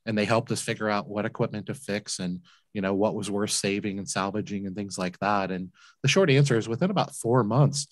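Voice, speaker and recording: A man's voice: lowish voice, dry recording. Earnest man telling his story. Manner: earnest, emphatic, repeats words when moved. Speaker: guest, laundromat entrepreneur. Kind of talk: interview storytelling. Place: home room, indoors. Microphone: large desk mic with headphones, video call.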